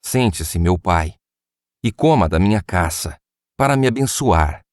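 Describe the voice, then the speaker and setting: A man's voice: low-pitched, expressive, a little slow, a little mellow, no room sound, studio quality. A man reading the voice of Esau, a grown son crying out in bitter, anguished pleading to his father.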